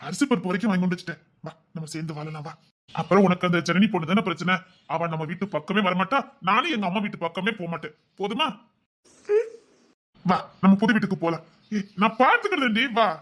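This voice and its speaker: An actor playing a devoted husband who gently and insistently coaxes his wife, repeating himself as he pleads. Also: high voice, quick pace. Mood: pleading. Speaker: husband in a drama series. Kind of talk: emotional drama acting.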